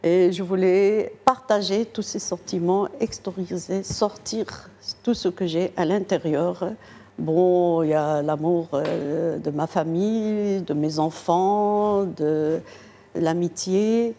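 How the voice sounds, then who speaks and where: An older woman answers interview questions in a TV studio, her voice low and mellow. She speaks very slowly and softly, pausing and hesitating often between phrases. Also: a little hiss or hum. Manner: slow, soft-spoken, hesitant with many pauses. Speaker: guest poet.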